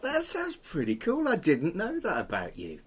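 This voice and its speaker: A man's voice: sits high, huge pitch swings, normal speed, breathy edge. A middle-aged man, hosting a podcast in an informal, teasing, chatty way. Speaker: podcast host, funeral celebrant.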